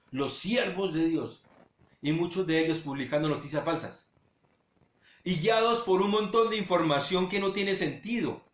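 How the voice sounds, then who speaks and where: High-voiced male pastor preaching. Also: roomy sound. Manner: swings between loud urging and hushed low delivery; direct address to listeners. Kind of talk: sermon.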